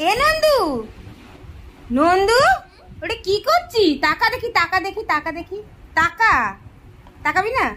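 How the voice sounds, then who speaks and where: High-pitched woman teasing a toddler. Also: expressive, normal speed, pauses often, pushed and bright. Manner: teasing, coaxing, exclaiming often. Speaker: mother filming her small daughter. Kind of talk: casual home video chat with a toddler.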